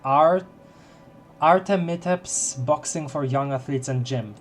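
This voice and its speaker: A man's voice: on the high side, slow. Casual male game streamer over faint music. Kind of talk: casual live playthrough commentary, reading game text aloud.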